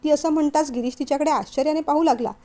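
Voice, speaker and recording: A woman reads a family novel aloud in a calm, even storytelling manner. Her voice is high and clear. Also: racing. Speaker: narrator.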